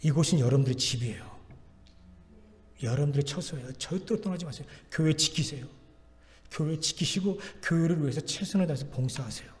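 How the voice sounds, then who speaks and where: A male pastor delivers a sermon in a church, pressing his points through repeated, emphatic exhortations. His voice sits somewhat high for a man. The sound carries a long reverb from the church hall. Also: a little fast. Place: church sanctuary.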